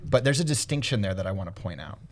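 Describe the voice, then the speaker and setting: A man's voice: deep voice, big pitch swings, fast. A man hosting a casual podcast, talking in an earnest, reflective way and sometimes losing his thread. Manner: earnest, reflective, loses his train of thought. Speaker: podcast host.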